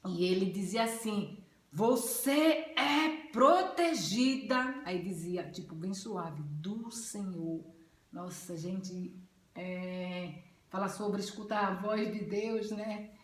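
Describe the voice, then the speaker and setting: A woman's voice: fairly low pitch, steady tone, slow pace, darkish tone. A woman, giving a heartfelt personal testimony in a casual spoken way. She talks earnestly and often ends phrases with a tag question. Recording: roomy echo.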